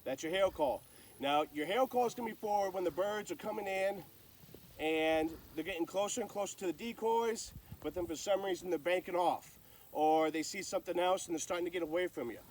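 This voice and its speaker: A man's voice: sits high, fairly quick, a little mellow, distant mic, slight background noise, low-quality recording. A man giving casual, folksy, plain-spoken instruction as a hunter sharing calling tips.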